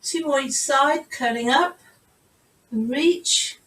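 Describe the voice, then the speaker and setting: Teaching Pilates live over video from a room at home, this woman encourages students and counts out their reps. Her voice is high and fairly bright, and she takes her time. The call audio is roomy and sounds far away.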